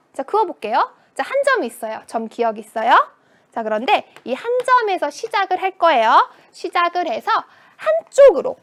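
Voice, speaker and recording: A woman's voice: sits high, a bit bright. A woman teaching a children's math lesson, asking questions and answering them in a playful voice. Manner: sing-song, questions and answers to herself.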